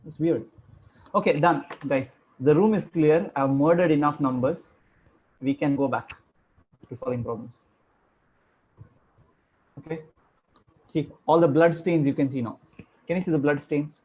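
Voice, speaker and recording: A man teaching an online class, joking around and firing questions at his students. His voice sits fairly high and sounds a little husky. The audio is dull and lo-fi, picked up by a computer mic on a video call. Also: measured pace, long pauses. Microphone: computer microphone on a video call.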